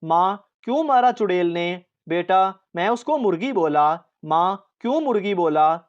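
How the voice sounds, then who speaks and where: A woman reading a series of short jokes aloud in a steady storytelling way. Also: on the low side, unhurried, muffled recording. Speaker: joke reader.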